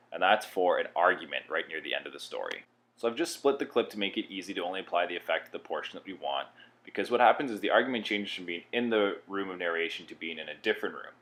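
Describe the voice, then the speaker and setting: Explaining each step as he goes, a tutorial presenter guides viewers through software in plain, instructional language. He has a low voice.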